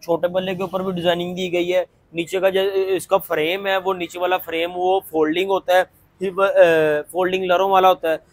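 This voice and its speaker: A young man pitches goods to camera in a high voice. His delivery is fairly even in tone, an insistent, repetitive salesman's patter. The sound is close and dry, picked up on a clip-on mic. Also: moderate pace, no room sound. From Pakistan. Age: 20s. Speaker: furniture showroom owner and video host. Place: large indoor furniture showroom. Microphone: clip-on lapel mic.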